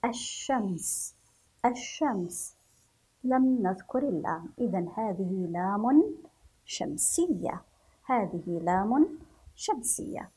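A woman teaches young children to read, sounding out each syllable at an unhurried, deliberate pace. Her voice is soft and slightly husky, sitting at an ordinary middle pitch. She repeats every word patiently and praises the class. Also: expressive. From Yemen. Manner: spells syllables slowly and repeats words for children to follow; gently encouraging, praises the class. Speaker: primary school teacher. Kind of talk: children's reading lesson.

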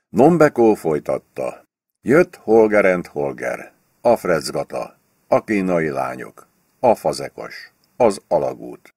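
A man reading a novel aloud as an audiobook in a steady, expressive way. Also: low-pitched, breathy edge, no room sound, studio quality. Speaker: audiobook reader. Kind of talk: audiobook narration.

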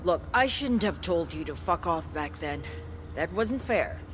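In a video game cutscene, an actress plays a blunt, spiritual and resolute woman survivor, speaking in a frank, wry, matter-of-fact way. Her voice is on the low side and animated, the pace measured, and there's some background noise.

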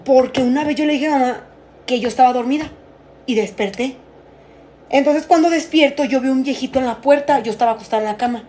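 Young mexican woman rambling on a live stream, slangy and swears a lot, kinda high voice. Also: fairly quick, dark tone. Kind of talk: casual live stream chat. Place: at home, alone.

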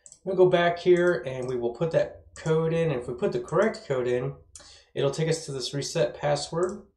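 A man's voice: on the high side, moderate pace, darkish tone. A man in his thirties giving a casual, enthusiastic screencast tutorial as an instructor, his speech slightly slurred as if numb from the dentist. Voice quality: slightly slurred, numb-mouthed from dental work. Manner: enthusiastic, informal. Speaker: web development course instructor. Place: small indoor room with bare walls. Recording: roomy, echoey indoor sound.

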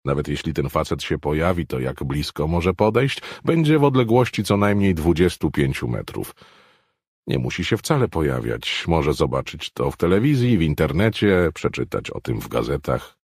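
An impatient, dismissive warden in a thriller audiobook, as a male narrator puts him on. The voice is low and husky, and he rises and falls broadly as he mocks his colleagues' fears. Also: sing-song, normal speed, darkish tone, no room sound, studio quality, heavily acted. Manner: scornful, impatient. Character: dismissive male prison warden, brushing off worries.

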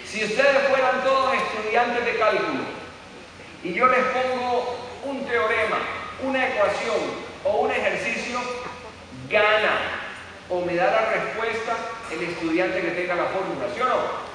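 Bright high-voiced man lecturing in an echoey hall. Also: unhurried, recorded from a distance, slight background noise. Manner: storytelling with rhetorical questions to the audience. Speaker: seminar speaker. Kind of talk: motivational seminar talk.

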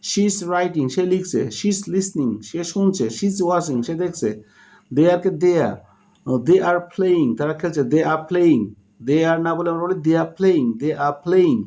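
A man teaching a spoken English lesson in Bengali, who says short English phrases slowly and deliberately and then translates them. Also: fairly high pitch, warm tone.

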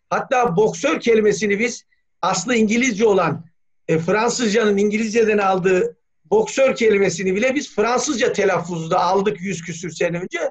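A man speaking as a language scholar in an academic meeting, talking thoughtfully with many hesitations. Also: high-pitched. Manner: thoughtful, hesitant, frequent "e" fillers, spells words letter by letter. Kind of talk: academic discussion on a video call. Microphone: video call. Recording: dull lo-fi video call audio.

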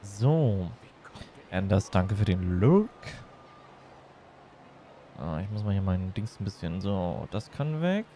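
A man's voice: deep voice, very animated, slow, pauses often, dark tone, slight background noise. A man chatting casually and playfully as he livestreams a game, rambling from one thing to the next. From Germany. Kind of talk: casual chat while streaming a game.

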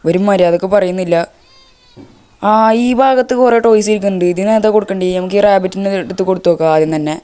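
This is a man running casual gameplay commentary. His voice is warm and smooth, never sharp. He talks to his viewers and grumbles jokingly at the mischievous baby in the game. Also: high-pitched. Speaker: gaming channel host.

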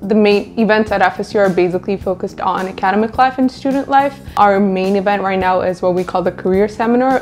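A young woman from Ethiopia, a student union team member, answering interview questions in a relaxed way with casual fillers, in an office. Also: medium pitch. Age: young adult. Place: office meeting room.

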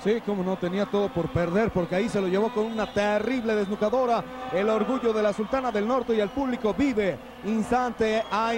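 A Mexican man working as a wrestling commentator, calling lucha libre play-by-play in an excited, dramatic sportscaster delivery. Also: high voice. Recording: noisy old TV broadcast, arena ambience.

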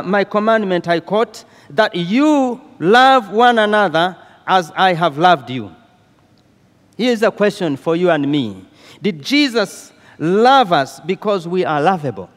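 A man preaching a sermon in a deliberate, unhurried way, pausing with fillers and repeating key phrases. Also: sits high. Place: church hall. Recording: long hall reverb.

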